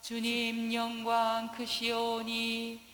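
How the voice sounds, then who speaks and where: Woman slowly chanting in cathedral echo. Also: a little high, completely flat delivery, fairly bright tone. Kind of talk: liturgical chant, slow recited hymn. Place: large echoing church. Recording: long church reverb, music behind.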